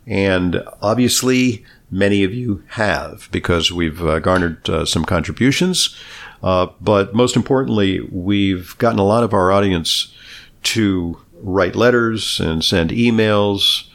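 A low-voiced male podcast and radio host, who is also a doctor, chats casually on a talk show at an unhurried pace. His voice is slightly hoarse from screaming at a game.

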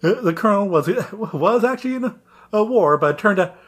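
Brief: male podcast host, animated and halting, pitching ideas to friends. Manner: animated, halting, with many fillers. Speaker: podcast host presenting his story idea. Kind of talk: casual chat.

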